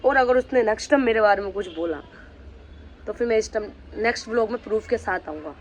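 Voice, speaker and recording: A man's voice: sits high, fast talker, a little hiss or hum. A man vlogging, angrily confronting someone directly and threatening to reveal the truth about them. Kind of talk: angry vlog rant.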